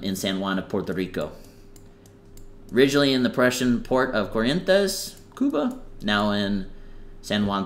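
A man's voice: on the low side, a bit bright. A young man giving casual, rambling commentary over a game he is playing, full of fillers and self-corrections. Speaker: gaming channel host.

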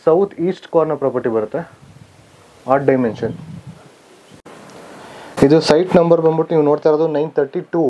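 A man's voice: on the high side, a little hiss or hum. Man touring empty plots on camera. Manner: plain listing of figures with frequent "aa" fillers and self-corrections. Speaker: real estate guide touring sites. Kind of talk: walking site-tour narration. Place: outdoors among vacant plots on a residential street. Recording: slightly dull camera audio with faint outdoor ambience.

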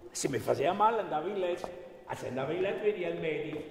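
Comic pedant doctor for commedia stage: Venetian accent, rambling, highish voice, echoey hall. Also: male voice, lively intonation, very fast, gravelly, darkish tone, a little hiss or hum. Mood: pompous rambling. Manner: pedantic chain-of-logic rambling. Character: rambling pompous old-style learned doctor, comic pedant. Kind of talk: commedia dell'arte stage acting. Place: large frescoed concert hall, on stage.

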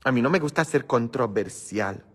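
A man's voice: medium pitch, expressive. A man, a priest chatting casually with viewers, rambling and humming between remarks. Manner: slow, rambling, many murmured hums. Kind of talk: casual live chat with viewers. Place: church. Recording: long hall reverb.

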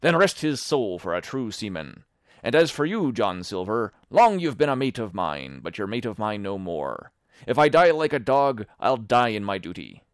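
A man reading aloud voices an honest male sailor, hoarse and shaking, speaking loud in rough sailor dialect. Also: medium pitch, sing-song, moderate pace, no room sound, studio quality, voice pushed up. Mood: defiant.

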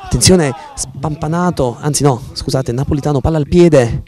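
A man with a fairly high voice commentates a football match play by play. His wording is florid and formal, and he builds into excited, drawn-out goal calls. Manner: florid, formal sportscaster vocabulary.

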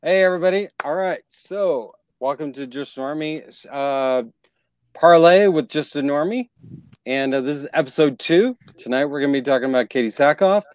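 A man hosting a casual live-streamed panel chat, joking and quick to tease his guests. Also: a little high, dry recording. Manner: joking, animated host. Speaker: podcast host.

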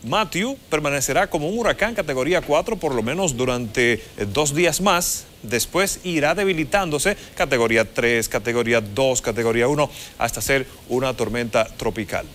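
A man's voice: mid-range voice, animated, moderate pace, fairly bright tone, a little hiss or hum. A man explains the weather live in a formal, explanatory way as a TV forecaster. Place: TV studio. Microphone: lapel mic.

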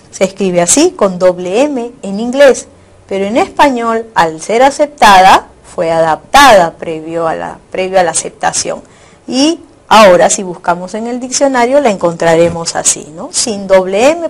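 A woman teacher giving a recorded online lecture, explaining carefully, repeating and rephrasing her points and often checking in with her students. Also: medium pitch. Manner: explanatory, frequent tag questions.

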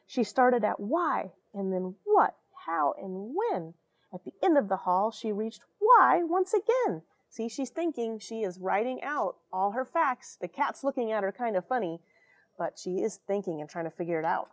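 This astronaut, an American woman in her forties, reads a children's book in a small space station airlock stuffed with equipment. Her voice leans high with big pitch swings at normal speed, has no room sound, and brings dramatic emphasis plus friendly asides for young listeners.

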